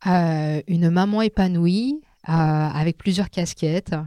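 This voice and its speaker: Speaking as a podcast guest, a woman from France talks casually with lots of hesitating and filler sounds. Her voice is lowish, slow and warm, with a clean tone and no room sound.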